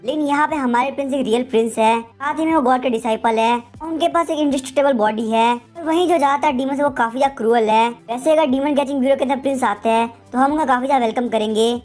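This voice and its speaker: A cautious male commander objects to his emperor with careful courtesy, as a woman reads him. The voice runs fast and high. Light music plays behind. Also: a little mellow, lightly acted. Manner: polite, apologetic objection.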